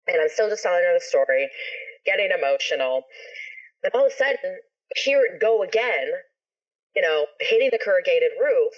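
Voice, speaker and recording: A woman tells a story as a podcast guest, animated and expressive, with casual swearing worked into her talk. The sound is slightly dull and lo-fi, like a home podcast recording. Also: fairly low pitch, normal speed, pauses often. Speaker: singer and guest.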